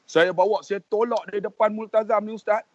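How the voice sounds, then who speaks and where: A man's voice: sits high, steady tone, a little fast, no echo. A man, a preacher and pilgrimage guide, telling an emotional religious story and earnestly addressing the host. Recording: dull lo-fi, dry sound.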